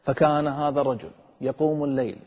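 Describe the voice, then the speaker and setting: A man preaching a sermon with earnest, dramatic storytelling and a husky voice. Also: mid-range voice, fast talker. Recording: echoey and dull, long reverb.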